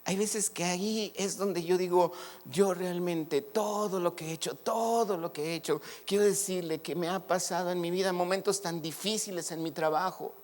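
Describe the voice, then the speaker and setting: A man's voice: high voice, moderate pace. A middle-aged man with a northern Mexican accent, preaching a sermon and telling personal stories, acting out the dialogue. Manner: animated, acts out dialogue in his stories. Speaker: pastor. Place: church hall. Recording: long reverb of a church hall.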